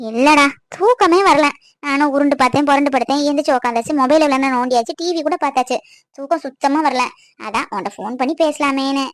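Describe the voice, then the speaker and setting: A woman's voice: high-pitched, fast talker, no room sound, studio quality, natural voice. A young woman voicing a lonely, tearful girlfriend who complains and pleads with her boyfriend. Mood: wistful.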